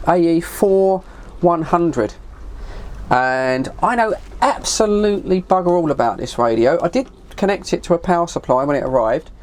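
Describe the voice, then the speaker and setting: Expressive and fairly high in pitch, the voice belongs to a middle-aged English hobbyist vlogger who loves CB radio. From his shed he talks to viewers at a normal speed, rambling casually, mildly sweary and self-deprecating.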